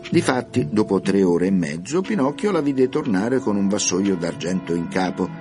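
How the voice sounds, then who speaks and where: Man, low voice, lively pitch, storybook narration, faint music underneath. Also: normal speed. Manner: expressive, lively storytelling intonation.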